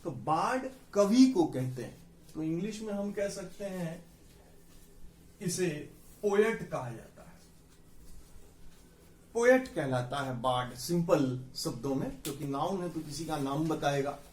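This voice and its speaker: A young man teaching English vocabulary for exams, explaining slowly and spelling words out letter by letter. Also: on the high side, expressive, a little mellow. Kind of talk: explanatory exam-prep lesson. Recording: echoey room.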